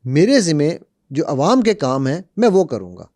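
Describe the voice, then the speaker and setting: On a podcast, a male guest who speaks on conflict management tells stories with plenty of animation, performing the quoted lines himself. He has a fairly high voice, recorded in a dry studio without any room sound.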